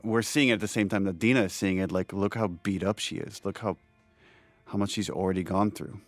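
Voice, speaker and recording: A game director with a deep, steady voice gives unscripted behind-the-scenes commentary, speaking briskly in a thoughtful, explanatory way as he feels out his phrasing. The recording is dry, with faint music behind him.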